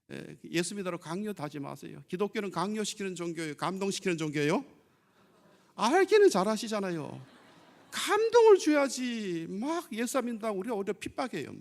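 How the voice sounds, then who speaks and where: A man's voice: a little high, creaky. A middle-aged man preaching a sermon as pastor. He fires rhetorical questions at the congregation and acts out scolding and sweet-talking spouses.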